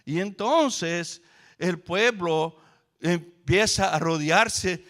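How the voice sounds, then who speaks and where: A male pastor delivering an animated sermon in a church, shifting between hushed storytelling and loud emphasis. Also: high voice, drawn-out words. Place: church sanctuary.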